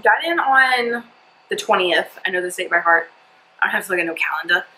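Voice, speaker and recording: A woman's voice: mid-range voice, expressive, fairly quick, sharp tone, a little hiss or hum, rough recording. A young woman telling a personal story in a casual, rambling vlog while doing her makeup. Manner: chatty, lots of "like" and "blah blah". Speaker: vlogger. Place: indoors at home doing makeup.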